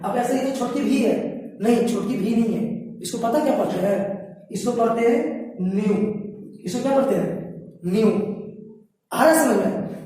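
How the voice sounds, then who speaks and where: Woman teacher, quick, asks herself questions, mic far off in a big echoey room. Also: a little high, dark tone. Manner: repeats questions and answers them herself. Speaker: science teacher. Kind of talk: classroom lecture at a board.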